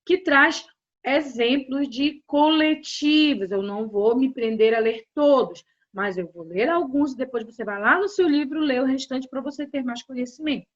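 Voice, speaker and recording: A woman teacher with a Brazilian Portuguese accent, giving a grammar lesson and talking straight to her students in a slow, deliberate way. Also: high voice. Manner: slow, deliberate explanation addressing students directly. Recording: dull lo-fi audio.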